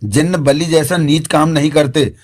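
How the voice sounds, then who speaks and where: A man's voice: fairly high pitch, moderate pace, natural voice. Man doing a bossy pompous jinn, stern and commanding. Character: stern, pompous male jinn who rules his slaves.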